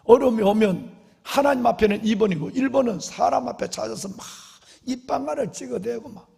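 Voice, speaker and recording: A man's voice: very high-pitched, a little fast, vocal fry, warm tone, husky. A middle-aged male pastor preaching an impassioned sermon and calling out to the congregation. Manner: acts out prayers and quotes in a dramatic voice. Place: large church sanctuary. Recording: long hall reverb.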